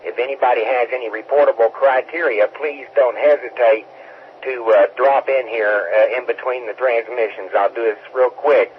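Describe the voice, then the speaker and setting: A man acting as net control on an amateur radio weather net, reading warnings in an orderly but relaxed way with fillers. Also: medium pitch, normal speed. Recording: tinny radio with faint static.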